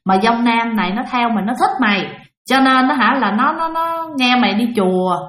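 A woman's voice: a little high, animated, a little fast, fairly bright tone. A woman voicing a blunt older female coworker who sees spirits, talking animatedly. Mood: warning. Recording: roomy echo.

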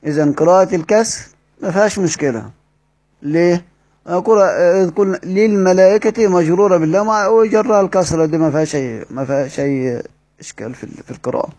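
A man's voice: high-pitched, quick pace, a little mellow. Egyptian man teaching, asking rhetorical questions. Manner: explains step by step, asks the class rhetorical questions and answers them. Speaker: Quran recitation teacher. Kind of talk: classroom lesson with read-aloud quotes.

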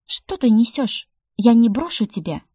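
A woman reading the lines of a stubborn young woman ruler in an audiobook, loud, raised and indignant. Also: on the low side, big pitch swings, a little slow, breathy edge, no echo, clean studio sound, exaggerated voice.

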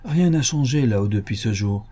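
A man's voice: fairly low pitch, animated, moderate pace, dark tone. A man voicing an irritable, impatient aristocratic count in an audiobook, sneering at a guest's theory. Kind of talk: audiobook character reading.

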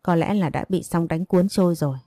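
A woman voicing a somber soldier who delivers bad news gravely and apologetically, in a low voice. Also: a little fast, dark tone, no room sound, natural voice.

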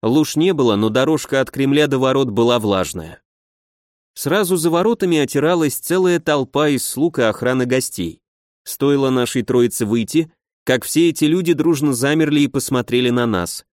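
A man reading a first-person audiobook in an even, wry storytelling voice. His delivery stays conversational and steady. The recording is dry and close, with no room sound. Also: mid-range voice, moderate pace, dry recording. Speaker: audiobook reader.

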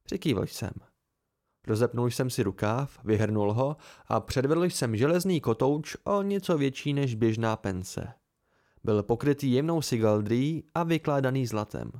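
A man reading fiction aloud for an amateur audiobook, telling it steadily in first person. His mid-pitched voice carries a strong gravelly fry. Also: animated, darkish tone. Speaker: audiobook reader.

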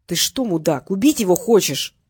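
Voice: medium pitch, lively intonation, moderate pace, a little mellow, slightly rough, no room sound. Crude bossy thug guy barking slang, reader putting him on, dry close sound. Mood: menacing. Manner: coarse, threatening slang. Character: rough menacing male thug, crude and bossy. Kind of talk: audiobook character voice.

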